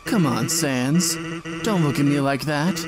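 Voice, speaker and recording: An echoing, slow cartoon skeleton villain played by a man with music behind. The figure is selfish and mocking, stretching out each menacing word in a slightly high male voice. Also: close to an everyday voice. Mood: smug. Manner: slow, taunting, drawn-out menace. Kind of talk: animated fan dub acting.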